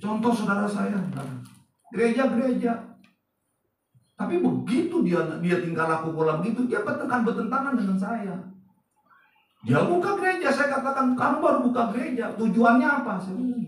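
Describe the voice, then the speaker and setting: A man preaching a sermon as pastor, lively and casual, asking the congregation questions as he goes. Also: sits high, moderate pace, pauses often, very echoey, recorded from a distance, low-quality recording. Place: church service.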